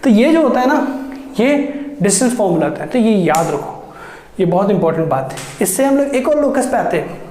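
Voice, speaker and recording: Mellow-voiced male maths teacher, roomy echo. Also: sits high, big pitch swings, brisk, a little hiss or hum. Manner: explains step by step, asks students rhetorical questions; addresses students as children, mixes in English terms. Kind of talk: exam-prep maths lecture.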